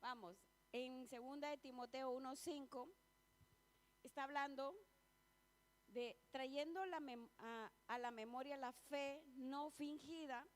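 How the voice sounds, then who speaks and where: High-voiced woman preaching, chatty and personal. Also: takes it slowly. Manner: chatty and personal, asks the congregation questions; laughs often between points. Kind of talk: sermon. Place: church.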